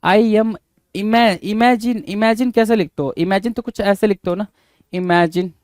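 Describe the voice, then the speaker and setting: A man's voice: high voice, darkish tone, no room sound. A man teaching an English spelling lesson, spelling words out letter by letter and asking and answering his own questions.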